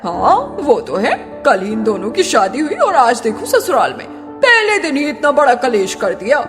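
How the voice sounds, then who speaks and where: Catty, gossipy neighbourhood housewife. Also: female voice, fairly high pitch, sing-song, normal speed. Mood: amused gossip. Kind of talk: Hindi animated moral-story acting. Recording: long reverb, loud background music.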